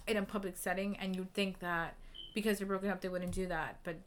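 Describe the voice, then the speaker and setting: A woman's voice: mid-range voice, little pitch movement, fairly quick, a little hiss or hum. A young woman co-hosting a podcast, retelling book scenes at length in a chatty way, full of "like" and "you know". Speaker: podcast co-host. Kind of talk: casual book discussion.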